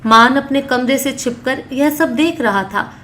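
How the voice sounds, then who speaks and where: Fairly high-voiced woman storyteller. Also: measured pace, fairly bright tone. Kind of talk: scripted story narration.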